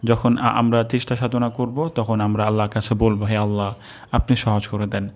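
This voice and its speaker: A man teaching the correct pronunciation of a prayer, slowly repeating each syllable in careful drills. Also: on the low side, monotone. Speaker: Quran recitation teacher. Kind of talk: religious pronunciation lesson.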